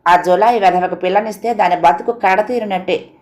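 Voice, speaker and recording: A woman's voice: medium pitch, fairly quick, darkish tone, natural voice. A woman voicing a timid, pouting young village girl.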